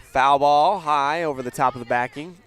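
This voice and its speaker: A man doing play-by-play for a local radio softball game, calm and unhurried with casual fillers, lifting his voice on big plays. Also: on the high side, clear, resonant tone. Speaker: play-by-play announcer.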